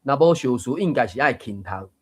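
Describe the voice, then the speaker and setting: Husky man hosting a reading group. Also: medium pitch, lively intonation, fast. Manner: explanatory, musing, with chuckles. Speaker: host of a Taiwanese reading group. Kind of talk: casual discussion of a book reading.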